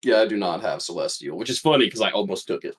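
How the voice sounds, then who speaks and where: Low-voiced male player, hesitant. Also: fast, slightly rough. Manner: relaxed, hesitant, many fillers. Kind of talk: casual chat during a tabletop game.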